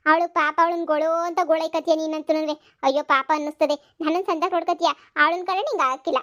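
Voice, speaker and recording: A sharp-tongued pregnant young village wife from a cartoon comedy, as a woman acts her out. Her voice is very high and piercing. She scolds and answers back quickly. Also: fairly even intonation, dull audio. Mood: scolding.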